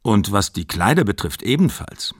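Cautious middle-aged father, measured, low voice, dry sound, as a reader voices him. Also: very animated, husky, dry recording.

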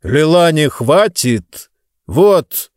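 A man's voice: on the high side, very animated, very slow, dry recording, voice pushed up, exaggerated voice. Man playing cold bossy rich dad, curt and scornful, dry close audiobook sound. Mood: impatient. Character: stern, dismissive rich father.

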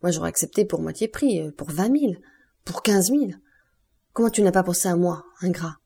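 A woman's voice: fairly low pitch, brisk, vocal fry, warm tone, slightly rough. Woman reading as a greedy scheming innkeeper. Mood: greedy teasing. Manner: eager, wheedling and envious.

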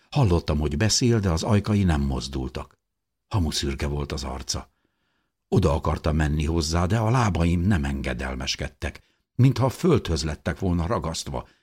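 A man narrating an audiobook in the first person with an expressive, dramatic reading. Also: very deep voice, slightly rough.

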